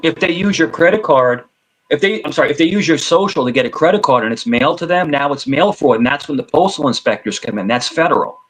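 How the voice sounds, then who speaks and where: Guy rambling and repeating himself in a group chat, kinda high voice, animated. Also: fast, low-quality recording. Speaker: host.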